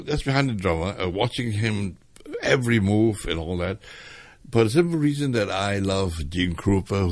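Low gravelly older man reminiscing. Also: dry recording. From Hong Kong. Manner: hesitant, reminiscing with many fillers. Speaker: interviewee. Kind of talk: oral history interview.

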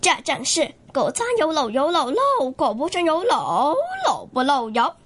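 A young woman student reciting a long tongue twister with steady rhythm. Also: high voice, moderate pace. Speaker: student performer.

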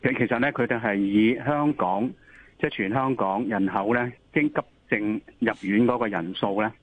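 A man's voice: lowish voice, moderate pace. Male expert interviewee on a thin, slightly noisy phone connection, Hong Kong Cantonese accent, instructive, repeats key points. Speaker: interview guest, occupational health expert. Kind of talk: explanatory interview answers. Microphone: telephone call. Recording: tinny phone line with noise.

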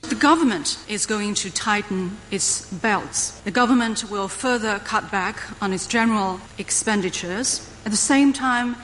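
A woman giving a live interpreter voice, rendering a speech into English at a measured pace with occasional fillers. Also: medium pitch, fairly bright tone, a little hiss or hum.

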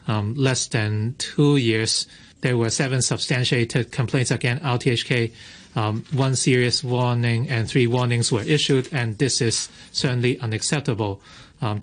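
A man interpreting live as a translation voice-over for an official, measured with hesitant pauses and fillers. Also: medium pitch. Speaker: simultaneous interpreter. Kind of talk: live interpretation of a press briefing.

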